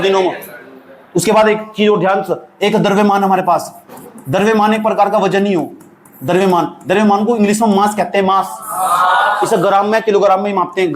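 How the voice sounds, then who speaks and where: A man with an Indian accent teaching a physics class, lively and teasing, often asking his students questions. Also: high voice, roomy sound, noisy background. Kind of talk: classroom lecture.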